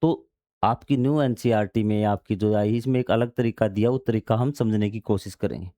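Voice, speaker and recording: A man's voice: fairly low pitch, normal speed, dark tone, no room sound, studio quality. A man teaching a maths lesson, reading out textbook passages and then explaining them in everyday words, asking questions and answering them himself. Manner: asks questions and answers them himself, repeats key steps.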